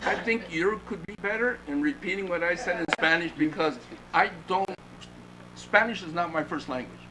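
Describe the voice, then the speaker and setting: Speaking as city manager, a man with a high voice takes questions from a resident at a council meeting, laying out details calmly and explanatorily, though he uses fillers and restarts. Heavy background noise fills the chamber audio.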